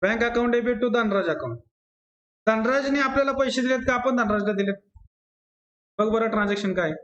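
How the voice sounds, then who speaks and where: A man's voice: extremely high pitch, fairly quick, a bit bright, dull audio. A man with a Marathi accent teaching accountancy to a class, repeating rules and calling on students by name. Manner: drills rules by repetition, quizzes students by name. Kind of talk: classroom lecture. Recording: echoey classroom.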